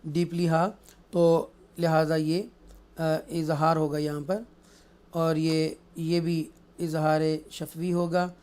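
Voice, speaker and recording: A man teaches the rules of Quran recitation at an unhurried pace. His voice is smooth and clear, and he switches between explanation and slow, drawn-out chanted recitation. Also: a little high, a little mellow. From Pakistan. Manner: explains rules in Urdu mixed with English, then recites verses slowly and melodiously. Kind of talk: tajweed lesson, explaining and reciting.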